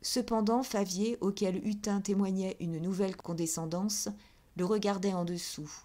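A woman reading a classic novel aloud as an audiobook in a measured, steady way. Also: medium pitch. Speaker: audiobook reader.

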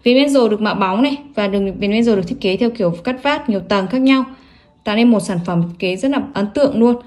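A woman's voice: mid-range voice, quick pace, darkish tone. A woman selling products online in a salesy, emphatic showcase, running through specs and prices. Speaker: online watch seller presenting products.

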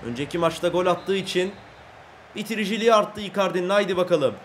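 Young guy with a high voice yelling commentary over his football game, faint noise behind. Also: quick pace. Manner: swings from calm chat to shouted play-by-play. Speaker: gaming YouTuber.

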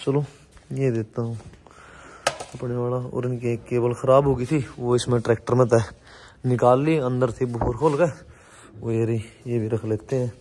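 A man's voice: mid-range voice, steady tone, normal speed, pauses often, mellow, a little hiss or hum. A young man, talking chattily to viewers as he vlogs outdoors on a phone held at arm's length. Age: young adult. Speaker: vlogger. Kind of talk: casual vlog narration. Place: outdoors at a farmyard and street.

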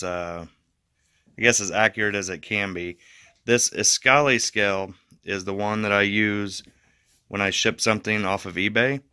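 A man's voice: fairly low pitch, clean tone, dry recording, studio quality. A man hosting his fishing channel, talking casually through a how-to with fillers and restarts, from a carpeted room indoors. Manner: relaxed, rambling, with fillers and restarts.

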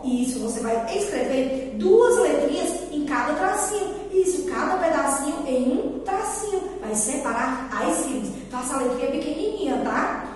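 A woman's voice: sits high, a little mellow, far from the mic. A Brazilian woman teaching preschoolers in a coaxing, sing-song manner, asking questions and answering them herself. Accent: Brazilian Portuguese. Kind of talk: recorded remote lesson for young children. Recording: echoey room, voice from off-mic.

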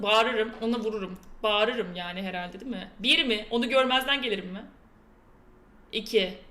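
Bright-voiced young woman streaming. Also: high voice, echoey room. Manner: chatty, playful, reads quiz questions aloud to chat. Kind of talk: casual live-stream chat. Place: indoor room with a door that keeps slamming.

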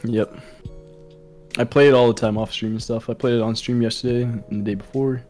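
A man's voice: medium pitch, steady tone, fairly quick, darkish tone, faint music behind. A man chatting casually about the games he plays, easygoing and talkative. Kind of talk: casual gaming chat.

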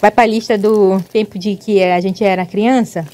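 A woman from Belém with a Paraense accent, chatting casually to her viewers in a home vlog, lively and quick to exclaim, filmed on a handheld phone around her yard and rooftop. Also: mid-range voice. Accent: Paraense Brazilian Portuguese. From Belém, Pará, Brazil. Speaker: vlogger.

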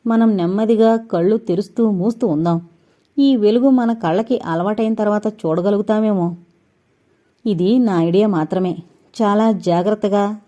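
A woman voicing a calm, steady young man who leads his friends, speaking slowly and firmly. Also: mid-range voice, natural voice. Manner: slow, measured, firm.

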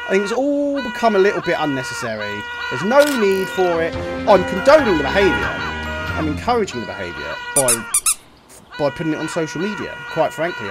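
A man commentating his own playthrough of a game in an animated, joking, self-mocking way, full of exclamations. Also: high-pitched. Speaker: gaming video host. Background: game music.

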